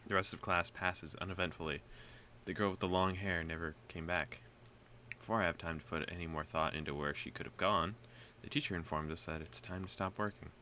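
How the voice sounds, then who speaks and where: A man's voice: deep voice, steady tone, fairly quick, sharp tone, a little hiss or hum. A man reading a visual novel aloud for a gaming video, with casual, joking asides. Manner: casual, joking asides between read passages.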